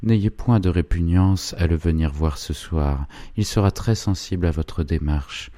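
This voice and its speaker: A man voicing an old village priest with a gently insinuating, persuasive manner, in an audiobook reading. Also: sits low, measured pace, dry recording. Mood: coaxing.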